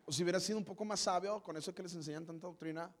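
A man's voice: high-pitched, racing. A man putting on a snooty, posh young man's drawl full of airy fillers, with a Mexican Spanish accent. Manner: valley-girl style drawl, "o sea" fillers. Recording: long hall reverb.

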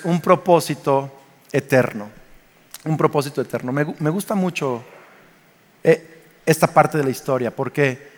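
Animated Mexican preacher, high voice. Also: male voice. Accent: Mexican Spanish. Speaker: pastor. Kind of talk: sermon. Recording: long reverb of a church hall.

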